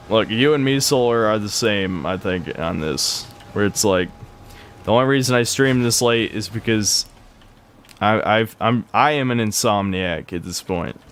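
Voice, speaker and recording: A man's voice: fairly low pitch, unhurried, fairly bright tone, a little hiss or hum. A man in his twenties chatting casually on a live gaming stream, rambling and swearing in a bro-ish way. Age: 20s. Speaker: game streamer.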